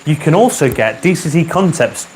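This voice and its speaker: A man hosting a casual livestream from his garage, reading viewer comments with dry humor and often clearing his throat, wearing a microphone. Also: a little high, lively intonation, moderate pace, a little mellow, a little hiss or hum, low-quality recording. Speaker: livestream host. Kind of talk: casual live chat. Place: home garage with a model railway layout.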